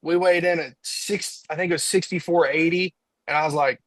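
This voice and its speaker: A man's voice: fairly high pitch, steady tone, a little fast, dry recording, rough recording. A young man from Indiana, a diesel truck racer on a podcast, telling a story in casual chat and acting out his own quotes.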